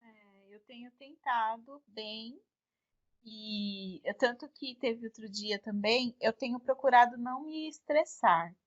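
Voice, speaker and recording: A Brazilian woman with a fairly high voice recounts an everyday anecdote in a relaxed podcast chat. Her phrases often trail off into a soft tag question. The audio is somewhat dull and lo-fi. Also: slow. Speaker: podcast co-host. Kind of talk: casual storytelling chat.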